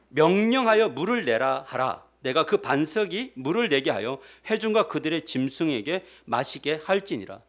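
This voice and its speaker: A male pastor giving a sermon, asking his congregation questions as he goes. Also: fairly high pitch. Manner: animated preaching, asks the congregation questions. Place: church sanctuary.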